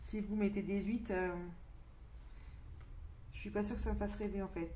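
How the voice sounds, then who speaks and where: A woman's voice: medium pitch, fairly even intonation, moderate pace, dark tone, slight background noise. A young French woman chatting casually in a coloring vlog, with lots of fillers and restarts. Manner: mutters counts half-whispered to herself. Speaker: coloring vlogger. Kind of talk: casual chat while coloring.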